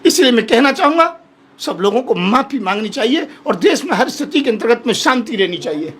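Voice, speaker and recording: Husky high-voiced holy man, impassioned. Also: very animated, brisk, a bit bright. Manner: impassioned, pleading, repeats himself. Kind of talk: heated televised debate.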